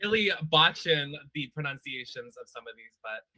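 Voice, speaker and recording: A man's voice: a little high, lively intonation, normal speed, bright, forceful tone, dry recording. A man hosting a casual panel chat about games, talking in a chatty, slangy way with playful asides.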